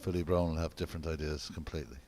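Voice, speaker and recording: Very deep-voiced male snooker commentator. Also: fairly even intonation, rapid-fire, dark tone, a little hiss or hum. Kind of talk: live snooker commentary with chat.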